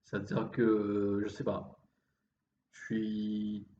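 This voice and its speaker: A man from with a slightly effeminate, refined voice speaks in a halting introspective monologue, often restarting his phrases. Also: lowish voice, completely flat delivery, dark tone. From Réunion. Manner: halting, with repeated false starts and trailing phrases. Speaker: vlogger. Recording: dull, roomy, faint background noise.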